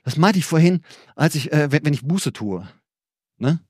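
Animated German preacher, dry close sound. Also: male voice, normal speed, no echo. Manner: conversational, frequent restarts and tag questions "ne?"; animated, pitch rising when enthusiastic. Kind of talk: informal sermon.

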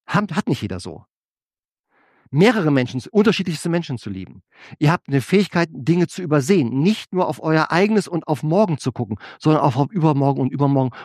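A male pastor delivers a sermon with a high, animated voice that leaps up and drops low. He keeps asking his listeners questions. The sound is dry and close. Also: dry recording. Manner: animated preaching with rhetorical questions to the congregation.

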